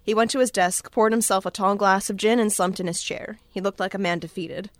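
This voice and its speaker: A woman playing a wry, weary film-noir detective who narrates in a deadpan voice. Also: mid-range voice, fairly quick, no echo, close to an everyday voice.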